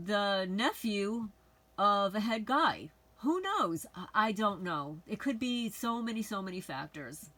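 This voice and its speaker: Her voice sits at medium pitch and sounds a bit bright as this middle-aged woman from the Bronx, New York, rambles openly to her channel's audience in a personal, conversational monologue. It's a low-quality recording.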